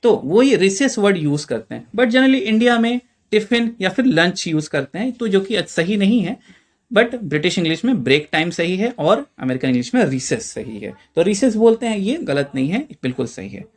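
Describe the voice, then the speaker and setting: A man's voice: high voice, sing-song, normal speed. A man with an Indian Hindi accent gives a chatty vocabulary lesson, quizzing listeners with rhetorical questions and calling them friends. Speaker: English teacher. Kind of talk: classroom-style explainer lesson.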